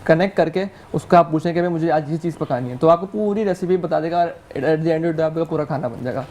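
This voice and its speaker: A man's voice: fairly high pitch, a little fast, darkish tone, a little hiss or hum. A man with a Pakistani accent, a tech guest steadily explaining AI tools on a TV show.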